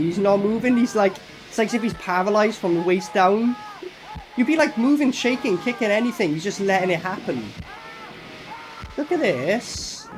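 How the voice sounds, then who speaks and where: A man's voice: high-pitched, a little hiss or hum. A man giving casual, mocking running commentary on a film, sarcastic and full of swearing. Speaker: horror film reviewer reacting while watching.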